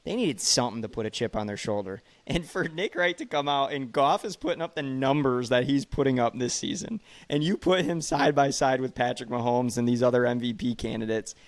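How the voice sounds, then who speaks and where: Young dude hosting a sports podcast, emphatic, reels off scores, mid pitch. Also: male voice, brisk, few pauses, no room sound. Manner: emphatic, rattles off stats. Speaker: podcast host. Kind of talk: casual sports podcast chat.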